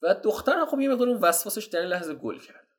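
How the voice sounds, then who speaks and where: A man giving casual, slangy dating advice while walking viewers through chat screenshots. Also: high voice. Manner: slangy, animated, addresses viewers as "guys". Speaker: dating coach.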